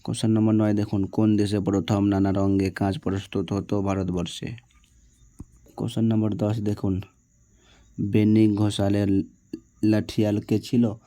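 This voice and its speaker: Low flat-voiced man teacher. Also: moderate pace, long pauses, no room sound. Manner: reads each question, answers it, checks with "ঠিক আছে?". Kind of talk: exam answer walkthrough.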